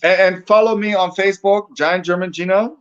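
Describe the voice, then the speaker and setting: Male colloquial storyteller, Liberian accent, higher-than-average pitch, repetitive emphatic phrasing, lo-fi call audio. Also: fairly even intonation, a little fast, smooth. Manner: colloquial Liberian English, exclamatory, repeats phrases for effect. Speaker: storyteller and author. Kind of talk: animated colloquial storytelling and casual chat.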